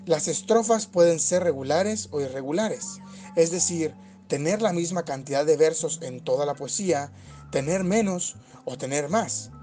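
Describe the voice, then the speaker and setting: A man giving calm, scripted educational narration for a lesson video, explaining steadily. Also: on the high side, moderate pace, soft background music.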